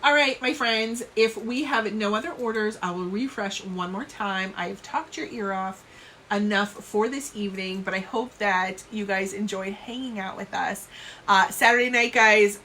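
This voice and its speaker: Chatty bright-voiced New Jersey woman. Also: mid-range voice, normal speed, a little hiss or hum. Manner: chatty, rambling, self-deprecating. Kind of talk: casual live-stream chat.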